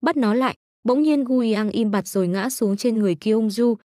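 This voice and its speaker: A woman narrating a comic story recap in a brisk, plain storytelling manner. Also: on the high side, warm tone, no echo, studio quality.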